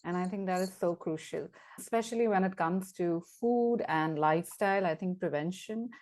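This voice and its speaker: Woman host, low-ish voice, chatty interviewer who restarts sentences, dry sound. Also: moderate pace, a little mellow, no room sound. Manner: chatty, thinks aloud with restarts. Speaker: podcast host. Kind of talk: conversational interview.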